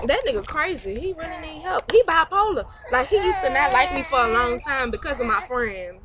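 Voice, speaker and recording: A young woman vlogging a call with a friend, talking loudly in slangy, teasing casual chat and laughing often. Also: high voice, lively intonation, brisk. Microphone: computer webcam mic. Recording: noisy home webcam recording.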